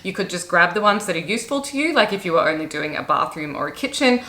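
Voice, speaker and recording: A chatty young woman vlogging casually about her day, her voice sitting a little low. She talks easily and apologizes for her hiccups as they come. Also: big pitch swings, quick pace, bright, forceful tone. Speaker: vlogger and interior designer. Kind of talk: casual vlog chat.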